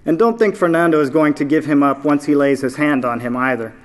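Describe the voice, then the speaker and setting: A man reading aloud, voicing a greedy, loud male slave trader who sneers and yells. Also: a little high, brisk, lightly acted. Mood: scheming. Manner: yelling, sneering.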